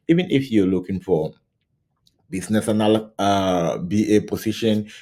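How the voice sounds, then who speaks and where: A scrum coach teaches to camera, facing it and recorded on the camera's own mic. His voice is low and mellow, and he speaks conversationally, repeating "right?" and restarting often.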